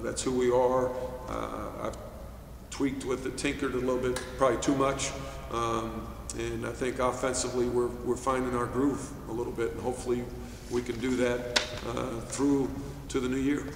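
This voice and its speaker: A middle-aged man from New York, a basketball head coach answering postgame questions at a press table in a measured way, with many fillers and restarts. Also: mid-range voice, creaky. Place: press room, seated at table. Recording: echoey room, distant mic, faint hiss.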